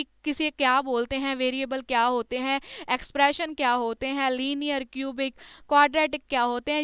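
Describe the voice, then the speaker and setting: A maths tutor with a high, sharp voice gives a classroom lecture, explaining step by step with patience, slowing down to read terms aloud and often checking in with "okay." The recording is studio quality with no room sound.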